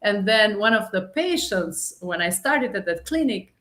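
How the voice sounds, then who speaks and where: A woman's voice: medium pitch, lively intonation, unhurried, fairly bright tone. Albanian-accented woman doctor, chatty. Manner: chatty storytelling. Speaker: primary care physician guest. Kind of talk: conversational interview.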